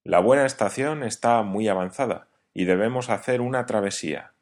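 A man's voice: on the low side, normal speed, natural voice. A man doing a hot-tempered old sailor. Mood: eager. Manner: loud, exclaiming, blunt. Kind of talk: audiobook reading.

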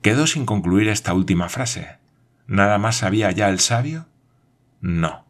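Husky low-voiced male audiobook narrator.

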